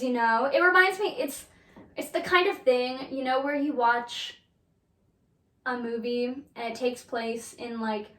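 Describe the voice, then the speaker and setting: A woman's voice: a little high, fairly bright tone. A young woman vlogging casually about books at home, chatty, with lots of fillers and laughter. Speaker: book vlogger. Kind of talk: casual vlog chat. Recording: echoey room.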